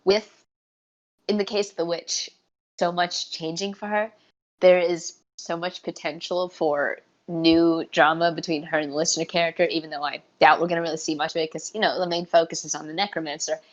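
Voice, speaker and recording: A woman's voice: on the low side, flat delivery, a little fast. A woman co-hosting a podcast in casual chat, eager and rambling, often restarting her sentences. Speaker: podcast co-host.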